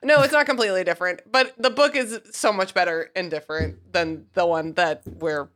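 A woman's voice: on the low side, fairly quick, fairly bright tone. A woman hosting a podcast in casual chat, laughing often and swearing freely. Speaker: podcast host.

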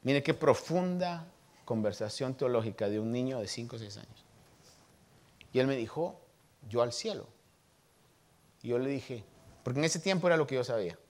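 A man in his thirties, a pastor, preaching a sermon and telling stories from his childhood with lively voices for the people he quotes. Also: mid-range voice, normal speed, pauses often. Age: 30s.

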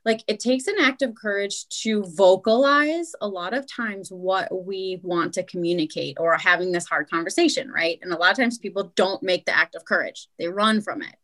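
A woman guest explains her view in an easygoing podcast chat. Her voice sits at a middle pitch, and she talks earnestly, tucking "like" and "right?" between her points. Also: moderate pace, hardly any pauses, a bit bright.

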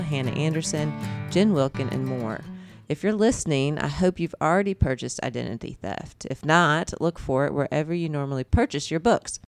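A woman hosting a faith podcast, introducing guests in casual chat and laughing often. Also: low-pitched. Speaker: podcast host.

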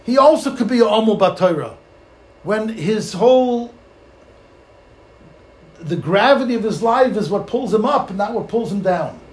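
A rabbi gives a Torah lecture as a sermon, telling stories emphatically, repeating phrases and posing rhetorical questions. His voice is high and animated, unhurried, with long pauses, in an echoey room with faint background noise.

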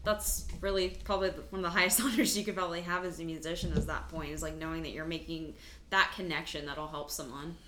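Lower-voiced woman host, roomy mic. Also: fairly even intonation, quick pace, bright, forceful tone. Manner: upbeat, encouraging, lots of backchannels. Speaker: interviewer, host. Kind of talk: casual interview. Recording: roomy echo with faint background noise.

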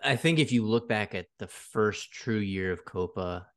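A man explains things conversationally as an interview guest. His voice is low and clear, and the sound is dry and free of room echo. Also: normal speed. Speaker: interview guest, logo designer.

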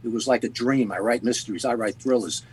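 A man hosting an interview, telling a story in a halting way with restarts. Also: mid-range voice, darkish tone, breathy edge, poor audio. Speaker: podcast host. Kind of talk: conversational storytelling.

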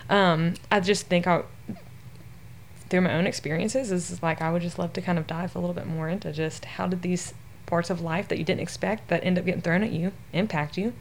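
A woman hosting a podcast, a therapist, talking in a quick, chatty way full of "like.". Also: lowish voice, fairly even intonation, slight background noise. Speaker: podcast host, play therapist. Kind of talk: casual podcast conversation.

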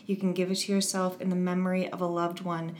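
A woman's voice: on the low side, monotone, quick pace, darkish tone, echoey room, slight background noise. A woman speaking as an interview guest, earnest and encouraging, often restarting her sentences as she talks about her advocacy work. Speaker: guest, eating disorder advocate. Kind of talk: casual interview conversation.

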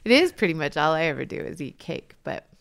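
A woman co-hosting a podcast in casual chat, chatty and quick to laugh. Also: low-pitched, very animated, creaky. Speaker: podcast co-host.

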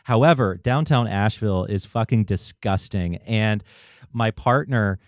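Man, podcast host, casual storyteller, fairly low voice, dry sound. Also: a little slow, no room sound. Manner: chatty storytelling, swears casually. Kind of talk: casual interview chat.

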